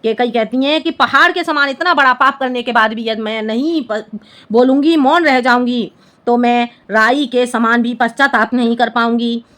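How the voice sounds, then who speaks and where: Teaching Hindi at a normal pace, a young woman in a high, bright voice unpacks a poem line by line. Her style is patient and classroom-like, and she keeps asking if her students are with her.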